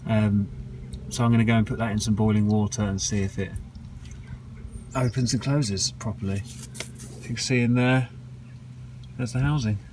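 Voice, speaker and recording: A man's voice: lowish voice, fairly even intonation, normal speed, pauses often, a little mellow, a little hiss or hum, low-quality recording. A man giving casual, self-deprecating how-to commentary as he works on a repair, thinking aloud with frequent ums. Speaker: DIY mechanic vlogger.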